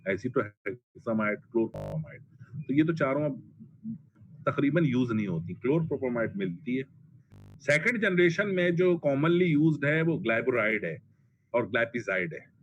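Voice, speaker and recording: Man, pharmacology lecturer, blunt and emphatic, dull lo-fi recording, faint background noise. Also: medium pitch. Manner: blunt, colloquial, emphatic, repeats drug names.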